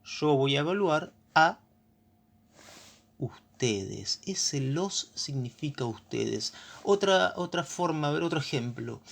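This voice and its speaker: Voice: mid-range voice, animated, slow, creaky. A teacher with an Argentine accent explaining grammar in a lesson, patient and often checking understanding with short questions.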